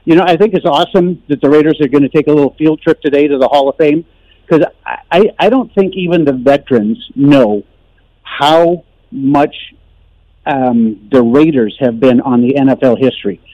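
A man's voice: on the high side, normal speed, dry recording. A man calling a sports radio show by phone, talking casually and emphatically with strong opinions. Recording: dull, band-limited phone call.

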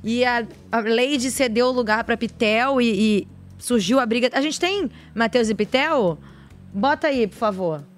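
A woman hosting a casual talk show, sounding chatty and playful. Her voice sits a little high, and she banters easily while steering the conversation. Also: a little slow, faint music behind. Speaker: host.

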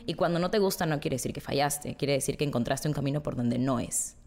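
Psicóloga de voz grave y pausada. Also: female voice, deep voice, creaky. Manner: calm, explanatory, frequent tag questions. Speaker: psychologist. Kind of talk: explanatory interview talk.

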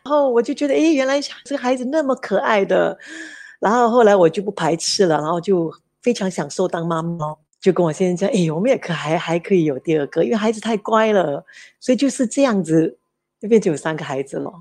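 Lively woman telling stories. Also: mid-range voice, fast talker. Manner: lively anecdotes, mixes English words into Mandarin. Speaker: interview guest, mother of three. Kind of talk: casual storytelling interview.

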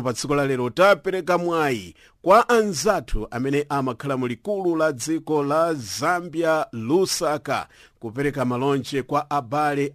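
A man's voice: fairly high pitch, no room sound, studio quality. A man hosting a radio programme, presenting and introducing listeners' greetings. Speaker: radio host.

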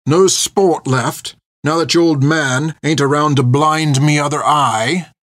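A man doing a cruel, sneering scarred soldier. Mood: menacing. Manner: low, sneering, drawn-out delivery. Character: cruel scarred male soldier, menacing and gloating.

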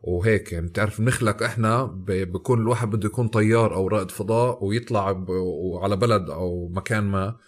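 A man's voice: fairly low pitch, steady tone, fast. A man with a Palestinian Arabic accent hosting a casual conversational interview. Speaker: podcast host.

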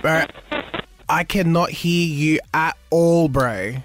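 A man's voice: fairly high pitch, lively intonation, slow, gravelly, heavy background noise, full character voice. A man doing brash flirty woman Carla. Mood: sassy. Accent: Australian. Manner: brash, flirty, calls everyone bro. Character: sassy, flirty Bankstown woman answering phones. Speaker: radio host doing a character. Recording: loud music behind.

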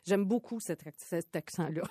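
A woman's voice: on the low side, moderate pace, very noisy. A Québécoise woman co-hosting a radio show, playful and quizzing her partner in casual chat. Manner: lively, playful, asks the questions. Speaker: radio co-host.

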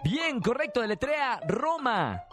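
A man from Mexico hosting a lively radio call-in game, teasing and energetic. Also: very high-pitched, a little slow, music in the background. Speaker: radio host.

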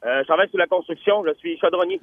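A man with a Quebec French accent answers a radio quiz over a tinny phone line. He speaks quickly, giving short, plain answers. The line is dry and thin. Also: high-pitched, no echo. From Alma, Quebec. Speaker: caller, a boilermaker.

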